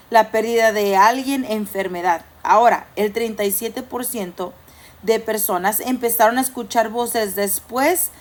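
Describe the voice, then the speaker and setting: A woman preaching a sermon with a somewhat high voice. She talks to the congregation in a loose, conversational way. She sometimes acts out inner voices and jokes. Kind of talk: church sermon.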